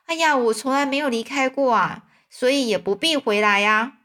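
A woman voicing a quick-witted young boy in a storybook reading, casual and pleading. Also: high voice, a bit bright.

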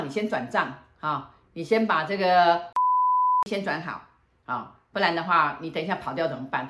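A woman fortune teller telling a story in casual chat, acting out both sides of the dialogue in a lively way. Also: fairly low pitch. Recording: roomy echo.

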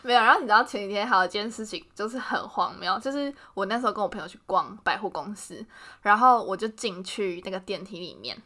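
A young woman with a Taiwanese Mandarin accent, co-hosting a podcast and telling stories in an animated way, laughing often. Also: mid-range voice, fast. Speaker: podcast co-host. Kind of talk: casual chat.

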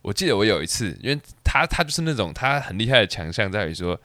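A man co-hosting a casual podcast, telling a personal story in an animated way with quick restarts. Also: on the low side, no echo, clean studio sound. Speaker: podcast co-host.

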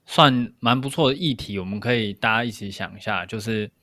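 A man's voice: on the low side, brisk, bright, forceful tone, dry recording, clean studio sound. A man co-hosting a podcast, explaining things step by step in casual discussion. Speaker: podcast co-host.

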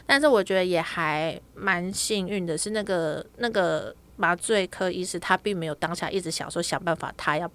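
A woman's voice: fairly low pitch, moderate pace, few pauses, fairly bright tone. A woman in her thirties chatting casually as a podcast co-host, telling a story and acting out the quoted dialogue.

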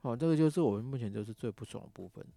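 A man with a Taiwanese Mandarin accent rants in a casual monologue, cursing freely as he talks. His voice is gravelly and dark. The sound is dry and close, with faint music behind him. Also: medium pitch, expressive, racing, no room sound. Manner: angry ranting, heavy swearing. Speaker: podcast host.

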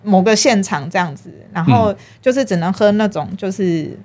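Woman, interview guest, storytelling, very expressive pitch. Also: normal speed. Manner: animated storytelling, acts out her own past thoughts. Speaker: guest, film marketing producer. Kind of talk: casual interview chat.

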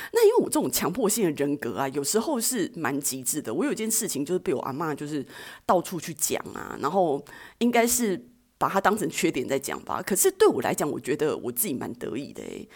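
A woman's voice: low-pitched, husky. A woman, telling personal stories as a podcast host in a chatty, self-mocking way. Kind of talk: personal storytelling.

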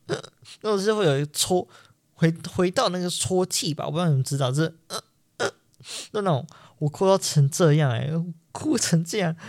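A man's voice: high-pitched, a little mellow, dry recording, studio quality. A young man with a Taiwanese Mandarin accent, hosting a podcast and telling a personal story in an earnest, emphatic way that repeats things for stress. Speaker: podcast host.

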